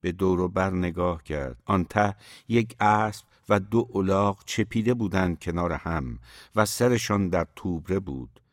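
A man reading a novel aloud as its narrator, in a measured, steady way. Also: low-pitched, no room sound, clean studio sound. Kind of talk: audiobook narration.

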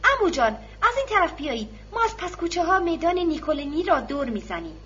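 A woman voicing a young servant girl who shouts excitedly in a storybook reading. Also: extremely high pitch, highs cut off, a little hiss or hum. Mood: urgent. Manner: shouting, breathless.

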